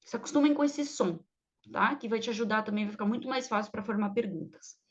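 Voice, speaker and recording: A woman's voice: fairly high pitch, a little fast. A woman teaching English online, patiently explaining and drilling phrases for students to repeat. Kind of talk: online language lesson.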